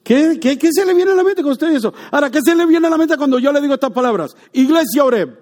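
A man preaching a lively sermon, joking with and quizzing his congregation. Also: very high voice, quick pace. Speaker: pastor.

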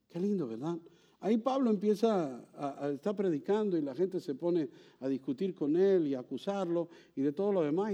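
A man preaching a sermon as pastor, telling a personal story with lively acted-out dialogue and laughter. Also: sits high, lo-fi sound.

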